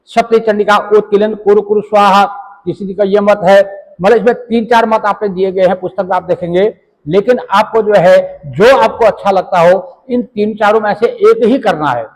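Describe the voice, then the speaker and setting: Male religious teacher with a high voice, rambling instruction in a reverberant room. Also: darkish tone. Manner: rambling, repeats "jo hai" fillers, recites Sanskrit mantras. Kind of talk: devotional instruction.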